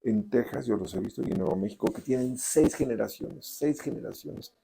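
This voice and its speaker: A Mexican man, a novelist, answering interview questions deliberately with frequent restarts and hesitations. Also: mid-range voice, creaky, mellow, a little hiss or hum, rough recording. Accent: Mexican Spanish. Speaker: novelist guest.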